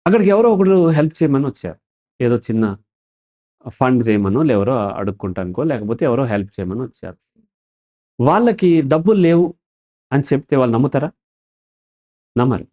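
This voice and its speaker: A man's voice: medium pitch, normal speed, pauses often, dull audio. A man speaking as a counselor in an interview, in an explanatory tone, who often asks a question and then answers it himself. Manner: animated, asks and answers his own questions. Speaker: counselor guest.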